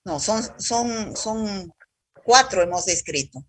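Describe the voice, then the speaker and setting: A woman's voice: mid-range voice, expressive, takes it slowly, a bit bright, no echo, clean studio sound. A woman teaching a university microbiology class over a video call, quizzing students by roll call in a stern, scolding way.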